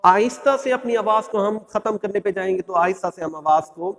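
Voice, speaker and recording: A man's voice: high-pitched, a little fast, vocal fry, fairly bright tone, in a large hall. A man teaching how to pronounce the letters of the Quran, patiently drawing out each sound in a sung recitation. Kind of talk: religious lesson on pronunciation.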